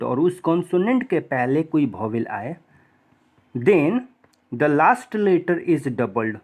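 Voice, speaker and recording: A man's voice: medium pitch, a little mellow. A man teaching a grammar lesson, switching between English and Hindi, spelling out letters and asking the class questions.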